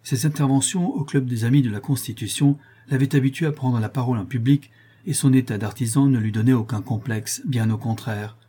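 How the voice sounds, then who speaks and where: A man narrating a historical novel as an audiobook, in a measured, even storytelling manner. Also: medium pitch, slightly rough.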